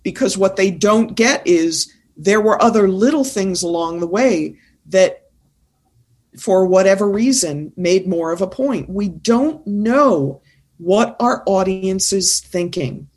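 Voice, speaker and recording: Woman, presentation coach, mid-pitch, emphatic and insistent, podcast guest. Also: lively intonation, takes it slowly, a little mellow. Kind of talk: casual interview conversation.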